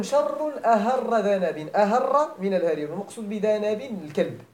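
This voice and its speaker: A middle-aged man with a Moroccan accent and a high but dark-toned voice teaches a grammar class in an echoey room. He explains step by step, repeats phrases, and often checks whether his students follow, moving between formal Arabic and dialect.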